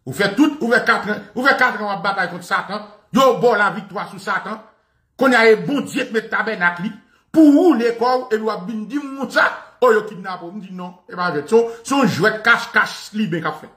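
A man giving animated, satirical commentary, mocking as he talks, laughing often and imitating bangs and gunshots. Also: high voice, moderate pace. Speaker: online commentator. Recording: echoey room.

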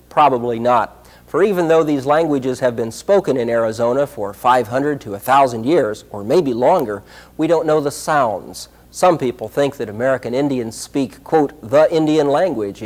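A man giving scripted documentary narration in a measured, explanatory way. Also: medium pitch, a little mellow.

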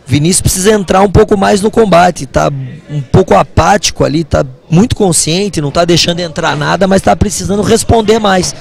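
A Brazilian man commentates live on a kickboxing bout. His voice sits slightly high for a man, with plenty of gravelly creak as he describes the action. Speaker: fight commentator.

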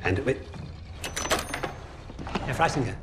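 An actor in his thirties playing a coldly polite, menacing Nazi interrogator in a video game, speaking softly and deliberately. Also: mid-range voice, expressive, background noise. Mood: brisk, agitated. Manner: soft-spoken, deliberate, menacing. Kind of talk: dramatic video game acting. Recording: loud music behind the voice.

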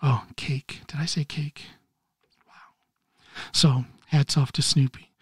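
Husky-voiced man in his fifties recovering. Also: fairly high pitch, fairly even intonation, no echo, clean studio sound. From Ohio, USA. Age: 50s. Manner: halting, frequent restarts and throat-clearing. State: recovering from neck surgery. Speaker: podcast host. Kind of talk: casual solo podcast monologue.

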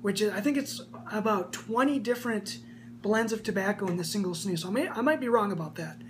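A man's voice: high voice, a little fast. Enthusiastic young man reviewing casually. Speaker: snus reviewer. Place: small room indoors. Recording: faint background hum.

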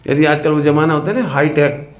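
A man giving a sermon in a lively, questioning way, who sometimes sings verse lines. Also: on the high side, brisk. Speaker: religious teacher. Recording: echoey hall with some noise.

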